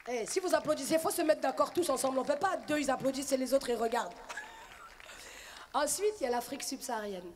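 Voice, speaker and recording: Brief: a comedienne with a high voice, telling lively stories on stage. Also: female voice, fast, roomy sound, a little hiss or hum. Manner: lively, storytelling. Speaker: stand-up comedian. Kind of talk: stand-up comedy.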